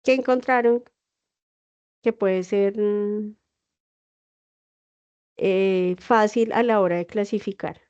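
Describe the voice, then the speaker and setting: This online teacher has a smooth, darkish mid-range voice with a steady tone; she talks slowly and pauses often. She explains patiently and checks in with her students, recorded on a computer mic with dull lo-fi video call audio.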